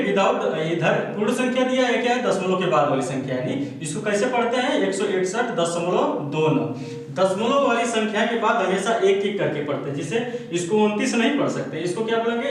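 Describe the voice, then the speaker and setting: A man teaches a math class, walking his students through each step and pausing often to make sure they are following. His voice sits high, and it is caught from a distance in a very echoey room. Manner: explains step by step, keeps checking with "theek hai". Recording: echoey room, speaker far from mic.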